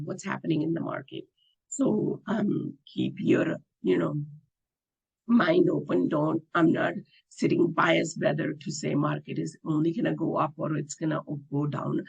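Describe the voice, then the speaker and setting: A hoarse man losing his voice, hosting a halting market analysis with frequent ums. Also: fairly high pitch, darkish tone, rough recording. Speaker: trading channel host.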